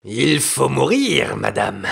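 A man voicing a cruel, murderous nobleman husband in a storybook reading, with a gravelly, raspy, menacing voice. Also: medium pitch, wildly swooping pitch, slow pace, a bit bright, voice pushed up, full character voice. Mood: cold menace. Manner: menacing, bellowing threats.

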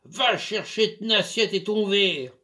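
A man voicing a gruff, bullying old farmer master who bellows and swears in rough rustic speech, in a storybook reading. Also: fairly high pitch, sing-song, takes it slowly, pitched above the performer's own voice. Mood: bellowing furious.

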